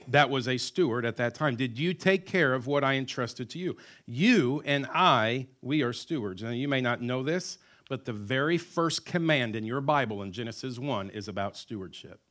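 A man's voice: medium pitch, fairly bright tone. A man delivers a Sunday sermon from the pulpit. He preaches in a folksy, humorous way and calls on the congregation to answer him. His voice is picked up on a mic in a church sanctuary. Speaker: pastor.

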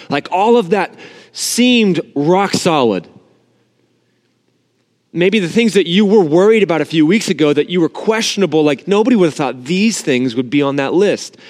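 A man's voice: a little high, darkish tone. A man preaching an informal, earnest sermon to an empty church sanctuary, his voice carrying the cathedral-like echo of the room. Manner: informal, earnest, talks directly to the congregation. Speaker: pastor. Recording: long reverb of an empty sanctuary.

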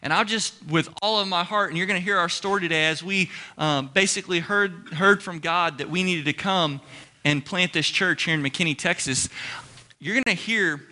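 Young Midwestern male pastor, high bright voice, animated, jokes with the crowd. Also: moderate pace. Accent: Ohio, Midwestern US. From Ohio. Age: young adult. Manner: animated, joking, talks to the crowd. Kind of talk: energetic sermon.

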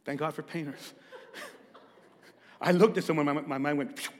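In a church hall with a big-room sound, a pastor preaches a sermon to his congregation in a fairly high, steady voice at a moderate pace, often repeating words and putting questions to his listeners.

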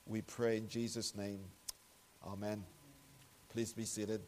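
A man leading a prayer and preaching a sermon at a pulpit microphone in a church, speaking in a measured, earnest way with solemn emphasis. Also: lowish voice, level tone, darkish tone, a little hiss or hum. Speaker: pastor. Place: church sanctuary.

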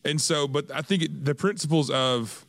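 A man's voice: a little high, normal speed, gravelly, fairly bright tone, dry recording. A young man who works in ministry, chatting casually and rambling with frequent restarts. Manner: rambling, self-correcting. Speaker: youth minister. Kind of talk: casual chat.

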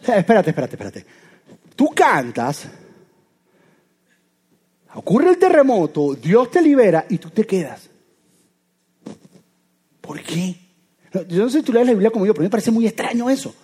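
A man delivers a sermon in a high voice that climbs and dips freely. He keeps it conversational and animated, firing off rhetorical questions at his listeners. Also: normal speed, long pauses, breathy edge. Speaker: preacher.

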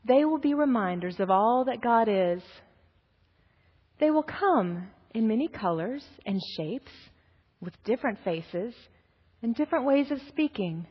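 A woman voicing a wise, gentle, ancient female turtle in a storybook, solemn and measured. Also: fairly high pitch, animated, breathy edge. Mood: hopeful, reverent. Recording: muffled, echoey large hall.

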